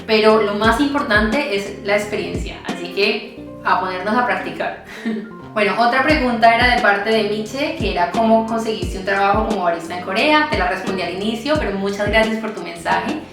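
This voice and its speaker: A young Colombian woman speaks with a Colombian accent. She answers her followers' questions in a chatty, encouraging way. Her voice rings through a very echoey room while clear music plays behind her. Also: mid-range voice, moderate pace. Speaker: barista and vlogger. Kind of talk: casual Q&A vlog answering followers.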